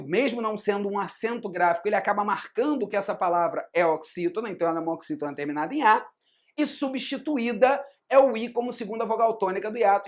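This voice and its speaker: A Brazilian Portuguese-speaking woman teaching a recorded grammar lesson for an exam, explaining step by step and checking in with frequent tag questions. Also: mid-range voice.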